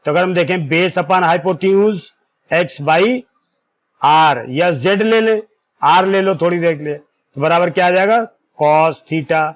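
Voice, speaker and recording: A maths teacher with a somewhat high voice gives a whiteboard lesson very slowly and deliberately, stretching out each formula term. He keeps checking in with "ठीक है" to make sure students follow, and corrects himself aloud mid-formula. The recording sounds dull and lo-fi.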